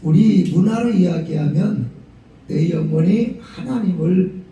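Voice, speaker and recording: Gyeongsang-accented man, storytelling preacher, dark gravelly tone, booming hall echo. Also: unhurried, distant mic, lo-fi sound, slight background noise. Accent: Gyeongsang Korean. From Gyeongsang region of Korea. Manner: lively storytelling preacher, acts out quotes. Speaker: pastor. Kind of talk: sermon. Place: prayer retreat hall. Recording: very echoey hall, voice from off the mic.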